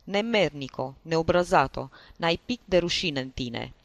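Brief: man playing a blustering, tipsy jealous husband, raised and loud, dry close sound. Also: fairly high pitch, animated, vocal fry, no echo. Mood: furious. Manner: shouting, scolding. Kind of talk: audiobook character voice.

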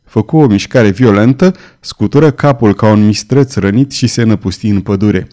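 A man narrating a historical romance novel in measured, dramatic storytelling. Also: on the low side, warm tone.

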